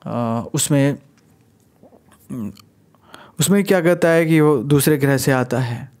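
A man teaching an exam-prep lesson, explaining slowly and patiently and repeating key phrases. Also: medium pitch, a little mellow. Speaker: Hindi teacher.

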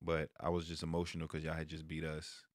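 A bass-voiced American man in his thirties talks fast with a completely flat delivery, casually discussing sports for the camera in laid-back slang. He's a streamer and sports vlogger at home in a small indoor room, with a headset and close stand mic; the sound is echo-free and studio-clean.

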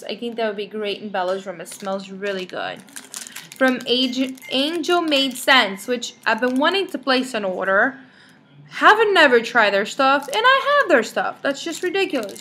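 A young woman with a bright, higher-pitched voice chats away to her viewers in a bubbly, rambling vlog. She keeps reading out product names with chatty asides, over a faint hiss in the background. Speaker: vlogger showing wax melts. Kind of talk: casual chatty haul vlog.

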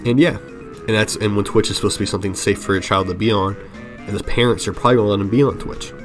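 A man's voice: on the low side, fairly even intonation, quick pace. A young man giving earnest opinion commentary over gameplay, rambling with frequent restarts. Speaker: gaming commentary channel host. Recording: voice-over with faint music underneath.

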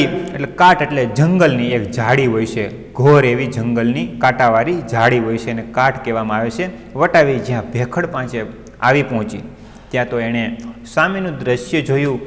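A male teacher with a mid-range voice and moderate pace retells a story in an online class. He stops often to explain what words mean, and the recording has long reverb.

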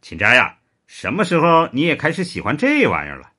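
A man voicing a stern, curt middle-aged spy chief in a low, gruff, clipped voice. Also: wildly swooping pitch, brisk, sharp tone, full character voice.

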